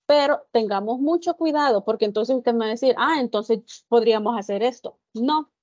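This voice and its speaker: Patient woman teacher, native Spanish speaker, online grammar class; slow and clear, dry dull computer-mic sound. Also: fairly high pitch, a little mellow, dry recording. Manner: patient, explains slowly, addresses students directly. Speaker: English teacher.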